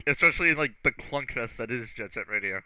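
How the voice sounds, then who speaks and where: A man's voice: medium pitch, lively intonation, brisk, pushed and bright, clean tone. A man co-hosting a casual podcast, blunt and teasing, swearing freely. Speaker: podcast co-host. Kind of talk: casual chat.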